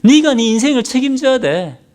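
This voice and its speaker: A man's voice: very high voice, big pitch swings, brisk, a little mellow, pitched above the performer's own voice. A man putting on a mocking Satan. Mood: taunting. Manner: mocking, goading, talks down to the listener. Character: taunting male Satan, a scornful whispering tempter.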